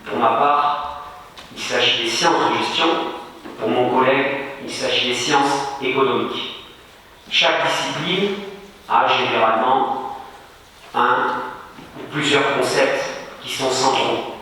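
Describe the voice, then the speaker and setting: A male lecturer from France speaks in a bright, clear voice, measured and explanatory. He is recorded from far off in a big, echoey lecture hall with a faint hiss behind him. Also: mid-range voice. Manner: measured, explanatory, slows on key terms. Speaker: university lecturer. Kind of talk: academic lecture to students.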